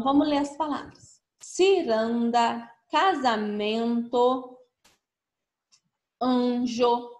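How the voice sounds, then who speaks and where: Patient teacher woman in an echoey room. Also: on the high side. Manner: slow, syllable-stretched reading of words for children; patient, repeats questions in simpler words. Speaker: primary school teacher. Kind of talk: remote lesson walking through a workbook.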